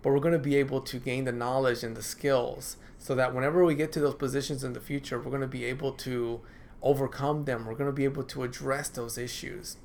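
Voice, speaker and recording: A man's voice: mid-range voice, flat delivery, fairly quick, gravelly, a little mellow, slight background noise. A man who is a counselor, talking casually to camera from his office, often adding "right?" and repeating himself. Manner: conversational, repeats phrases, asks "right?" often. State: dry throat, clearing it. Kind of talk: informal talk to camera.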